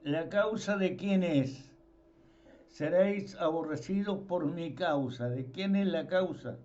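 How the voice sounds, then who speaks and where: A man preaches an informal sermon, his voice sitting high for a man. He talks slowly and leans on repeated words for emphasis. The recording sounds dull and lo-fi. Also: a little mellow.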